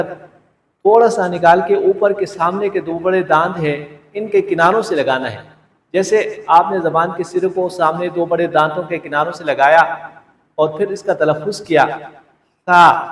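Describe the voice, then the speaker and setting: Patient man teaching recitation, echoey room. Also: fairly high pitch. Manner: patient, explains slowly, repeats sounds aloud. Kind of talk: teaching letter pronunciation. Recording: echoey room with long reverb.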